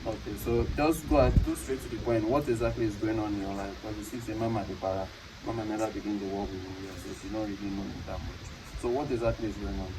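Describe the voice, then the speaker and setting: Nigerian accent guy hosting a vlog, talks real quick, bit far from mic. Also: lowish voice, steady tone, noisy background. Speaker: vlog host. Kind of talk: casual vlog talk and questioning.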